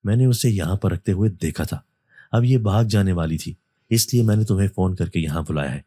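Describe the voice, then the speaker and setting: A man's voice: sits low, dark tone, husky. A man voicing a cruel, scheming young mistress of a house, taunting her maid. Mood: spiteful.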